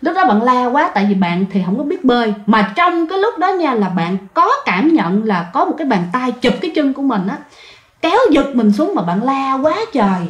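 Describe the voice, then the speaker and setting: A woman's voice: high-pitched, big pitch swings, a little fast, muffled recording. Chatty woman telling ghost stories. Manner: conversational, addresses listeners directly. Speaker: storyteller. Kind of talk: ghost story narration. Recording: roomy echoey recording.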